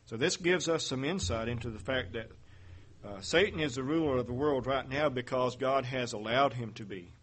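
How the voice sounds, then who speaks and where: Husky man preaching a Bible sermon. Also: medium pitch, a bit bright. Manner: measured, asks rhetorical questions.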